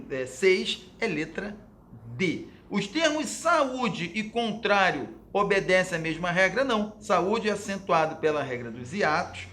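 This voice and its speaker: A man's voice: high-pitched, gravelly, bright, forceful tone, slight background noise. A Brazilian man teaching Portuguese, walking through exam questions and patiently explaining them to his students, often checking in with "ok?" and "né?". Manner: fillers like "ok?", "né?" and "ó". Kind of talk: exam question walkthrough lesson.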